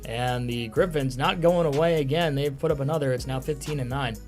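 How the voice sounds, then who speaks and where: A man calling live lacrosse play-by-play as a commentator, given to excited shouted goal calls. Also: medium pitch, a little fast, soft background music.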